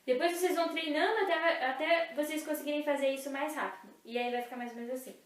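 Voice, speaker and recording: A young woman teaching an online music lesson, slowly and patiently explaining rhythms and chanting syllables to the beat. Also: sits high, fairly even intonation. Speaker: music teacher for a youth club. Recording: echoey room, faint noise.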